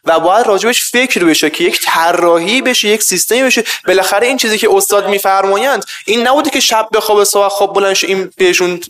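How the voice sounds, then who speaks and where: Guy with a high voice, polite but keeps pushing his point to his teacher. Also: few pauses, a bit bright. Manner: deferential but insistent, repeats his point. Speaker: discussion participant questioning his professor. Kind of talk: polite debate.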